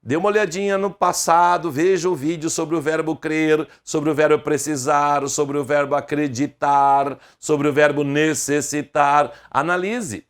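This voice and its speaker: A middle-aged Brazilian man teaching an online grammar lesson, slow and deliberate, asking his viewers question after question. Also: a little high, fairly even intonation, clear, resonant tone.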